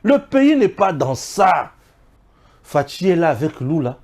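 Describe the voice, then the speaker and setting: Animated Congolese man, preachy and emphatic. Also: unhurried. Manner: preachy and emphatic, swinging between loud exclamations and low asides. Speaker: political commentator. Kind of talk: impassioned political talk mixing French and Lingala.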